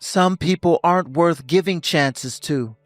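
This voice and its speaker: A man's voice: a little high, measured pace, dry recording, clean studio sound, soft background music, lightly acted. A man playing a cold, lecturing husband. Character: stern husband ending a toxic marriage.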